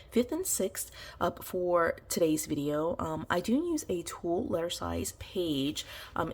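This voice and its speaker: A woman vlogger with a fairly low voice and a breathy edge talks casually while decorating her planner. Her congestion makes her sound nasal, she's sick, and her voice is fading. Her chatty, wandering plan-with-me talk is dotted with ums and you-knows.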